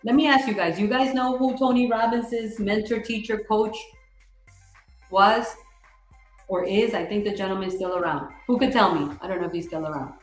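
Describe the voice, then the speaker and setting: A woman real estate coach giving an energetic, repetitive motivational talk on a livestream, quizzing viewers in the chat. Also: mid-range voice, moderate pace, echoey room, faint music behind, poor audio. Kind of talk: live-streamed motivational coaching.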